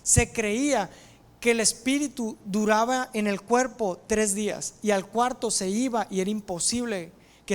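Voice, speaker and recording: A woman delivers a sermon as vivid storytelling. She acts out the voices in the scripture and keeps a middling pitch. Her tone is casual and conversational. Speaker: preacher.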